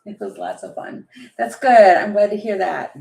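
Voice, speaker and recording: A woman's voice: medium pitch, moderate pace, vocal fry, a little mellow, reverberant. A woman who reads tarot on a live stream, casual and chatty, thinking aloud from home. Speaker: tarot reader. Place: home room with a heater running.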